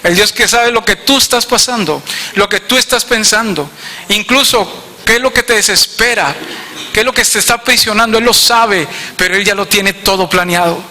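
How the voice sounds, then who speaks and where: Male pastor, northern Mexican accent, sharp high voice, lively storytelling sermon. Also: normal speed. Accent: northern Mexican Spanish. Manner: storytelling, animated, addresses congregation directly. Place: church hall. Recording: reverberant church hall.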